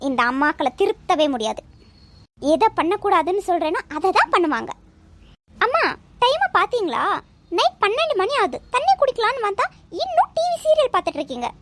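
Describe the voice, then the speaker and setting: Brief: high, lecturing cartoon son, voiced by a woman, exasperated with his mother. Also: sing-song, fairly quick, a bit bright, full character voice. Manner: lecturing, nagging. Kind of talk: cartoon voice acting.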